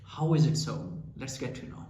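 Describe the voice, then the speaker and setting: A man with a Pakistani accent, an English teacher and channel founder, teaches an English lesson, explaining earnestly and posing rhetorical questions. His mid-range voice is animated and dark in tone at a normal speed, in an echoey room with faint ambient noise.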